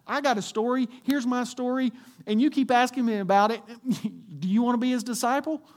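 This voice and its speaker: A man's voice: very high voice, brisk, voice pushed up. A preacher voicing a bold healed blind man. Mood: pressing.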